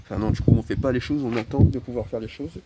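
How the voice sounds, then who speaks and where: Halting man vlogging outdoors over loud traffic noise. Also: mid-range voice. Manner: halting, hesitant, wry grumbling with mild swearing. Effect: speaking through a face mask. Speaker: video creator talking to followers. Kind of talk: casual rambling solo vlog. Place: outdoors by a roadside bus stop.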